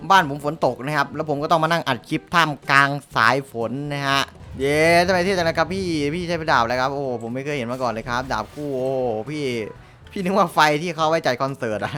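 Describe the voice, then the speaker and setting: A young man hosting a gameplay video, chatting casually and excitedly with crude slang and lots of laughter. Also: a little high. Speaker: gaming YouTuber host. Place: home room, rain outside.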